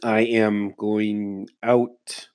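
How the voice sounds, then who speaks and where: Drawing out his words in a flat delivery, a man with a fairly low, slightly mellow, clean-toned voice hosts a casual solo podcast. He's under the weather, stuffy-nosed with a slight cough, so his voice is muffled and congested as he rambles in a laid-back, heavily profane way.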